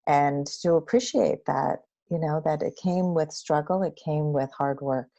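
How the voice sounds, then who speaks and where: A woman's voice: low-pitched, a little slow, creaky, warm tone, lo-fi sound. A woman hosting a podcast interview as a coach, speaking in an earnest, reflective and supportive way. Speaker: podcast host and dating coach. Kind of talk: casual interview conversation.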